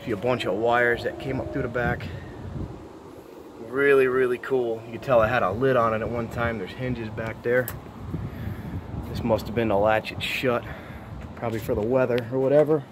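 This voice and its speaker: A medium-pitched man speaks at a moderate pace, pausing often, as background noise plays behind him. An urban explorer vlogger, he gives a relaxed walking tour of an overgrown abandoned site outdoors, talking to viewers and expressing awe as he moves.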